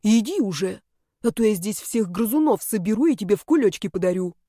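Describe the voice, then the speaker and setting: A woman voicing a sly, grumpy young male snake-man who talks in a gruff, hissing, bossy way. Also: medium pitch, lively intonation, brisk, mellow, no echo, studio quality, close to an everyday voice. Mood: snappish.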